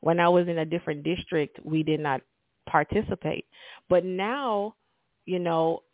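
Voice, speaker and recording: A Jamaican-accented woman who is a middle school principal is interviewed in a conversational way, speaking in a lowish voice at a moderate pace. She comes across as earnest, upbeat, enthusiastic and polite, with frequent fillers and restarts. The audio is thin and tinny like a phone call, completely dry with no room sound.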